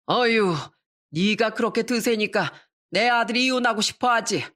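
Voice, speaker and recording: A woman's voice: fairly high pitch, normal speed, fairly bright tone, close to an everyday voice. A woman voicing a stubborn, domineering older father-in-law with a scolding, self-righteous manner.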